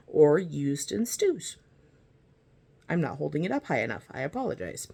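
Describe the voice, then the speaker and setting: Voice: mid-range voice, gravelly, a little mellow. A gardening vlogger chatting casually through an unboxing, rambling with lots of fillers and apologetic asides, sometimes reading packet text aloud. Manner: reads seed-packet descriptions aloud. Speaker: gardening video host. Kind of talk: casual unboxing and seed review.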